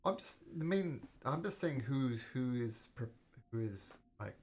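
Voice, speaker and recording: A woman with a very low voice runs a tabletop game as its master. She narrates scenes at an unhurried pace, with lively, swinging intonation. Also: slight background noise.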